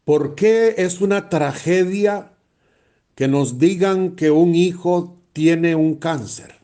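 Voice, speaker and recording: A man's voice: high voice, slow pace, warm tone. A man, a priest preaching a blunt, emphatic sermon and repeating phrases for stress.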